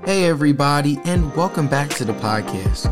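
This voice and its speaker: A man's voice: on the high side, animated, moderate pace, music in the background. A man hosting a spiritual podcast over a video call, with an eager, upbeat manner, often repeating words and restarting sentences. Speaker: podcast host. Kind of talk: upbeat podcast intro and interview.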